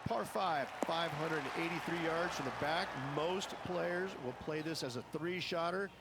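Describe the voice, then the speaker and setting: A man's voice: on the high side, measured pace, over a noisy crowd. Explanatory male golf commentator, noisy background. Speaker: golf analyst and commentator, former player.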